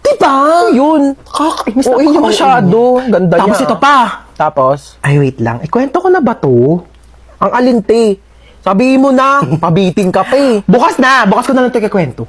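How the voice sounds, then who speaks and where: A speaker in a comedy skit, gossiping with a friend in lively banter. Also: medium pitch, a little fast. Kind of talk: casual comedy skit chat between friends.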